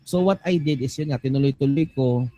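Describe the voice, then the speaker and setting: A young man telling a ghost story live on stage, dropping to a hush and then jumping up in excitement, with English words mixed in. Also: brisk. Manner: animated, swings between hushed low and excited high; mixes English into his telling. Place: live music venue.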